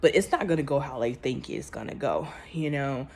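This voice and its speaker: A vlogger speaks straight to her viewers in casual, emphatic commentary, talking informally with dropped grammar and restarting phrases as she goes. Her voice is bass, fairly quick, creaky and darkish.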